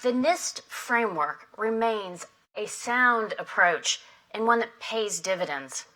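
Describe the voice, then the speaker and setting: A woman opening an industry summit with a prepared, formal keynote speech, measured and emphatic. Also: mid-range voice, expressive, pushed and bright, faint music behind, rough recording. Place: conference hall.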